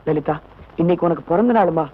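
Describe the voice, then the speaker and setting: An actor playing a soft-spoken, tender elder brother comforting his sister in old film dialogue. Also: a little high, a little fast, natural voice. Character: gentle, caring elder brother. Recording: muffled old film soundtrack with music.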